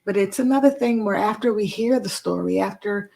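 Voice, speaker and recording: A woman's voice: mid-range voice, brisk, creaky, darkish tone. Affirming woman podcast host. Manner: encouraging, affirming, quotes scripture. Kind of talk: faith-based interview chat.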